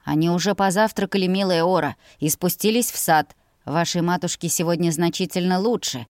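A woman reading an audiobook voices a polite male house steward in a lower, soft, deferential tone. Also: fairly quick, dry recording, clean studio sound, close to an everyday voice. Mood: courteous. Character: warm, courteous older male house steward. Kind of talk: audiobook character voice.

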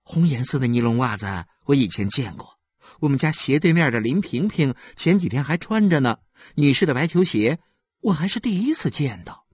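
A man's voice: medium pitch, animated, normal speed, darkish tone, slightly rough, no echo, clean studio sound, voice pushed up. A man voicing a chatty thirty-year-old mother who gossips and scolds, raising his voice well above his own. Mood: gossiping. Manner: gossipy, then exasperated.

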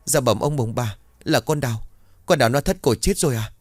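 A frantic young servant girl, as a male storyteller puts her on, shrill, fast and breathless, in a dry close recording. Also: animated, a little mellow, husky, dry recording. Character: panicked young female servant.

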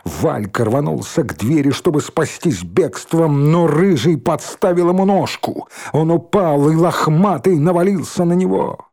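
A man reading a story aloud in an expressive, dramatic narrating style. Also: on the high side, unhurried, few pauses. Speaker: audiobook reader.

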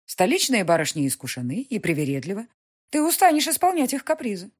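Lady playing a bossy old-world countess mom, husky, pitched up, all over the place, audiobook. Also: big pitch swings, quick pace. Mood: scolding. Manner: scolding, shrill and overbearing. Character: imperious aristocratic middle-aged countess mother.

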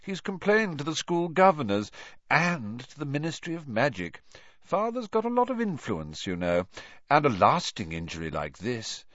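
A man's voice: fairly high pitch, big pitch swings, normal speed, a bit bright, dry recording, voice pushed up. A sneering, spoiled teenage schoolboy, as a male reader puts him on, with a raised, mocking voice. His tone swoops with smug taunts, and the sound is dry and slightly dull. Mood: mock sorrow.

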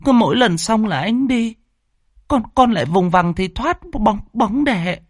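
A man's voice: high voice, animated, measured pace, dry recording, studio quality, voice pushed up. A man voicing a frightened pregnant teenage girl who stammers and pleads in a horror story. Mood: fearful.

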